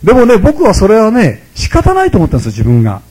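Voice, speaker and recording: A man in his sixties delivers a conversational sermon to his congregation, joking and turning to them often while keeping his voice low. His voice sits high for a man and swings up and down with lively, animated pitch. A husky edge runs through his quick delivery. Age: 60s. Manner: chatty and humorous, often addressing the audience directly. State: speaking quietly, holding his voice down. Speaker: Buddhist temple priest.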